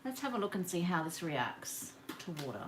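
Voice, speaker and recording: Woman, rambling live craft host, lowish voice, faint hiss, camera on the desk. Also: very animated, normal speed. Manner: chatty, rambling, greets viewers by name. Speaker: craft demonstrator hosting a live session. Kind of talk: casual live craft demo chat. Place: home craft table. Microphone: camera on the work table.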